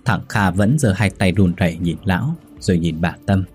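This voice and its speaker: A man telling a grim tale with a low, deep voice and a husky, grainy texture. He narrates in a grave, measured way as faint music plays behind him. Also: a little mellow. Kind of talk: scripted story narration.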